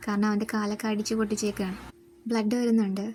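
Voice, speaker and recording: Fast-talking woman narrating a drama recap. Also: medium pitch, level tone, darkish tone, a little hiss or hum. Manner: rapid, plain retelling, voicing quoted lines in her own voice.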